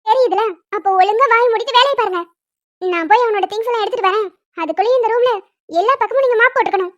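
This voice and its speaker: Sharp-tongued young wife, very high and quick, voiced by a woman, dry sound. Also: no room sound, muffled recording. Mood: scolding. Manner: scolding, quick commands. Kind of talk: Tamil cartoon dubbing.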